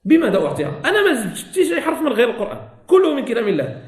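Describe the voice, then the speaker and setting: High-voiced Moroccan teacher in an echoey room. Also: male voice, wildly swooping pitch, rapid-fire. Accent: Moroccan Arabic. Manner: repeats key phrases, asks students questions. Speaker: Quran recitation teacher. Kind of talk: religious lesson explanation.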